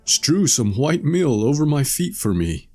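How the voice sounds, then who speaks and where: A man's voice: medium pitch, sing-song, measured pace, a little mellow, faint music behind, pitched above the performer's own voice. A man voicing a sly, deceiving male wolf in a read-aloud storybook, falsely sweet and wheedling. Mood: demanding.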